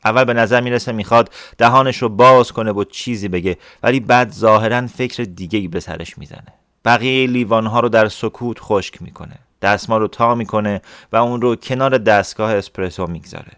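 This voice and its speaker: Man reading a novel aloud, calm steady storytelling, lowish voice, dry close sound. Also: clean tone, no room sound. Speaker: audiobook reader. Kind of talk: scripted storybook narration.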